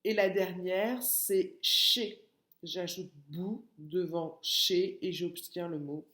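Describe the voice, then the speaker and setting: A woman teaching a phonics lesson to young children, breaking words into syllables slowly and patiently. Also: fairly low pitch, fairly even intonation, pushed and bright, echoey room. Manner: slow, syllable-by-syllable, patient explaining. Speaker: kindergarten teacher.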